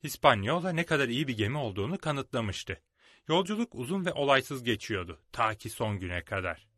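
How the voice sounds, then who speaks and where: Lively, expressive male storyteller. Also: mid-range voice, a little fast, no echo, studio quality. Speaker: narrator. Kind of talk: storybook read-aloud.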